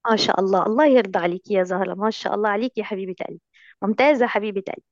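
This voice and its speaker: Fast affectionate woman teacher, Egyptian accent. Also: medium pitch, no echo, muffled recording. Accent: Egyptian Arabic. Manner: affectionate, coaxing, heavy on endearments. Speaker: Quran recitation teacher. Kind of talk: online recitation lesson.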